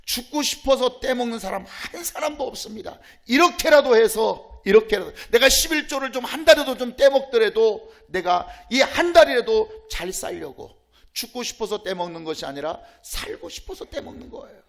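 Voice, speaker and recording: A male pastor preaching a sermon, firing rhetorical questions at the congregation and swinging between loud and soft. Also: very high-pitched, sing-song, moderate pace, vocal fry.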